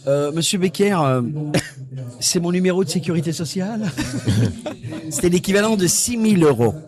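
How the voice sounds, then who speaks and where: A man's voice: sits high, lively intonation, normal speed, a crowd in the background. A man, telling a long anecdote on stage at a live event. He acts out other people's lines and often repeats his words. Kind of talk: lively storytelling anecdote.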